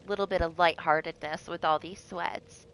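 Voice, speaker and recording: A woman's voice: on the low side, fairly even intonation, moderate pace, a bit bright. A young woman live streaming a game, chatting casually, laughing often and swearing freely. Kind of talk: casual gameplay commentary. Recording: background noise.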